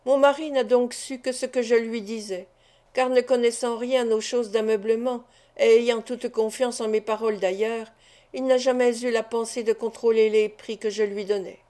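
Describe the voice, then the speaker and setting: A resolute, anguished wife, as a woman reader voices her, pouring out an earnest confession. The voice is fairly high and mellow, with a warm, soft tone. It is heard in a storybook reading of a classic novel. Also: steady tone, normal speed, close to an everyday voice.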